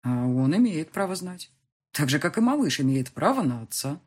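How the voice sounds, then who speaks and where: A woman reading an audiobook, voicing an older father who is caring but stubborn and coaxing, with a breathy voice. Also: deep voice, big pitch swings, moderate pace, a little mellow, exaggerated voice. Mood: firm. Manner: soothing, then insistent and scolding.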